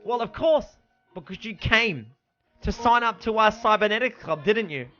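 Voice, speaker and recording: An eager teenage camp boy, read aloud by a man who sounds loud and overly cheerful. The voice sits high and bright. Faint game music plays behind. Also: animated, moderate pace, muffled recording.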